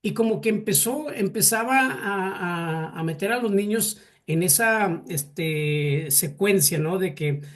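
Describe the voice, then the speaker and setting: A man's voice: high-pitched, takes it slowly, few pauses. A man with a Mexican accent teaching a classroom lesson, stopping often to restart words and quizzing his students. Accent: Mexican Spanish.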